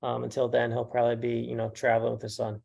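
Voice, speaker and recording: A man who manages a basketball team, answering interview questions haltingly with many fillers. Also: medium pitch, monotone, creaky, darkish tone, slightly rough, highs cut off. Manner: halting, with many ums and uhs.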